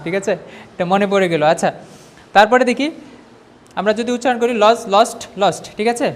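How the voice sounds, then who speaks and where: A man's voice: sits high, a little hiss or hum. Male teacher chanting verb drills. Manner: drills verb forms in repetitive chanted lists. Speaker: English teacher. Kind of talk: classroom vocabulary lesson.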